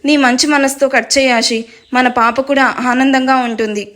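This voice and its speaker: A woman voicing a kind young husband who speaks gently and coaxingly in a storybook reading. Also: sits high, steady tone, moderate pace. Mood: gentle. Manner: warm and coaxing.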